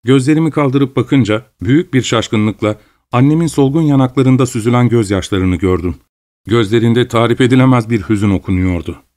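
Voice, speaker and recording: A man reading a novel aloud in measured first-person narration. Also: medium pitch, darkish tone. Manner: measured, literary storytelling. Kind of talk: scripted audiobook narration.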